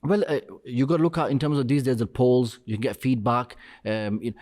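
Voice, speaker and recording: A middle-aged man, interviewed on a podcast as a restaurant co-founder, talks earnestly but haltingly and keeps saying "you know." His voice is medium-pitched, steady, and a little mellow.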